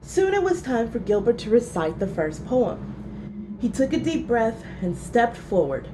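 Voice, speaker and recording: A woman storyteller reading a children's book aloud, expressive and clearly phrased. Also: a little high, unhurried, background noise.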